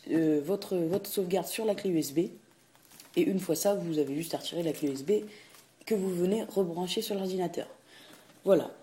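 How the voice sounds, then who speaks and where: A man's voice: on the high side, dark tone. A man talking through a casual tutorial, hesitant, full of fillers and restarts, saying "tac" at each click. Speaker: video game tutorial host. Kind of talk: casual screen-recording tutorial.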